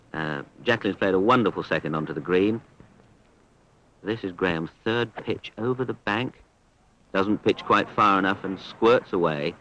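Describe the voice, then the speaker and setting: A man giving measured, understated golf commentary on a 1970s archive sports broadcast. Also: deep voice, fairly bright tone, lo-fi sound. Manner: understated, measured descriptions with appreciative exclamations.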